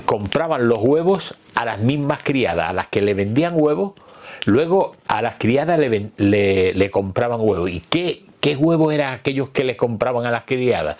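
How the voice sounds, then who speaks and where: An older man from Málaga with an Andalusian accent, giving an informal local history talk in a halting way, repeating words as he searches for the next. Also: medium pitch, darkish tone. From Málaga, Spain. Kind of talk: informal talk recalling old street vendors.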